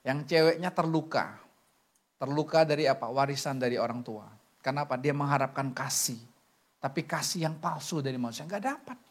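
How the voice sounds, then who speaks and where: A man preaching as a pastor in a church, telling stories with lively acted-out dialogue. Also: mid-range voice, brisk. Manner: lively storytelling, acts out dialogue. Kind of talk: sermon.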